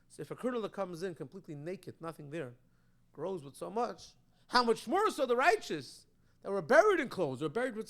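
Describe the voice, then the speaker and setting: A man's voice: sits high, fairly bright tone. A man, a rabbi, teaching a Torah class, explaining texts and reading them aloud with strong emphasis.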